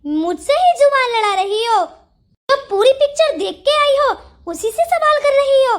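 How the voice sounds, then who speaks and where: A woman's voice: very high-pitched, lively intonation, measured pace. A woman voicing an angry young ex-wife in a Hindi cartoon story, blunt and accusing. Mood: scolding. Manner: scolding, accusing.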